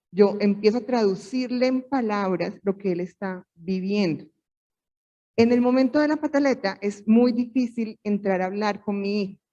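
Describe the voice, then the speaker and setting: A woman's voice: medium pitch, dark tone, far from the mic, dull audio. A woman in her forties, a parenting panelist, explaining earnestly and asking rhetorical questions.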